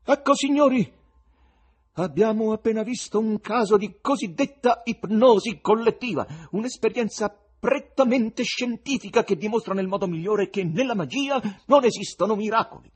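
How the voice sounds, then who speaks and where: A man voicing a pompous, anxious male theatre compère announcing in a booming stage voice. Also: normal speed, slightly rough.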